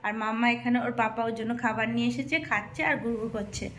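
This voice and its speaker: A woman's voice: fairly high pitch, fairly even intonation, quick pace, fairly bright tone, a little hiss or hum. A woman from India chatting casually to her viewers in a home vlog from her kitchen, talking straight to them with plenty of "I mean.". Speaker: daily vlogger.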